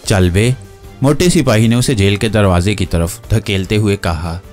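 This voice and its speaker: Man reading a novel out loud, lowish voice, faint music in the back. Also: moderate pace. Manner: steady storytelling, voices all characters. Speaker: audiobook narrator. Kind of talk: scripted novel narration.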